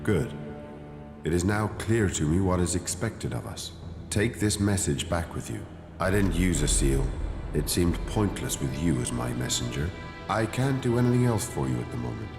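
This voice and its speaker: A stern cleric leader from a video game, low-voiced and formal, with a haughty edge. His words ring through a reverberant hall over clear background music. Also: expressive, moderate pace. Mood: stern, disdainful. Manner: formal, condescending.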